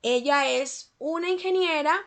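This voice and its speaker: A woman teaching English grammar in a scripted lesson, slowing down to pronounce English example sentences carefully. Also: high voice, a bit bright.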